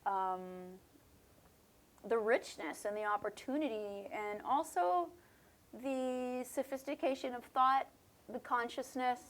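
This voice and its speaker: A woman from Canada's West Coast with a high voice and slow pace. She's a musician guest giving relaxed, conversational interview answers, thoughtful and chatty with plenty of fillers.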